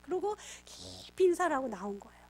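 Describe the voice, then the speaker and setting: A middle-aged woman with a high voice delivers a parenting lecture as a pastor. She tells stories in a lively way and plays out the back-and-forth between parent and child herself. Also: quick pace. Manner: lively storyteller acting out quoted family dialogue. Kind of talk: storytelling lecture for parents and teachers.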